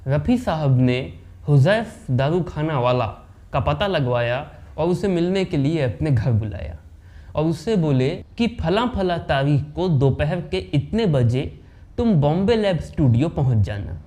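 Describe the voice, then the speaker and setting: A man with a mellow, warm tone and a slightly high voice tells an anecdote in a dramatic storytelling style. He shifts his voice whenever he quotes someone. The delivery is that of a narrator holding a listener's attention. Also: expressive, a little slow. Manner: dramatic, voices quoted characters with pitch swings. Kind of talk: anecdote narration with acted dialogue.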